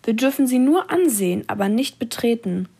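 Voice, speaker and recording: A woman's voice: fairly high pitch, lively intonation, normal speed, gravelly, mellow, breathy edge, heavily acted. A woman voicing an unhappy, complaining cow in a stall. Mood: longing.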